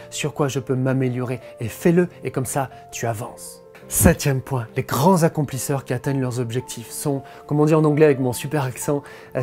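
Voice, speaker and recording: A man's voice: mid-range voice, dark tone. A man giving a motivational coaching talk, speaking emphatically and directly to the listener.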